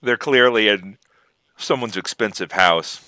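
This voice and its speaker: A man co-hosting a casual gaming podcast, rambling and animated as he chats. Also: on the low side, measured pace, clean tone, dry recording. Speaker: podcast co-host.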